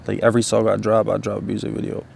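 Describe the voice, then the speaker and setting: An independent music artist chats casually in a loose, laid-back stoner drawl, rambling with slang, swearing, and repeated tag phrases. His lowish, gravelly voice is monotone, racing, and darkish, with a little hiss or hum.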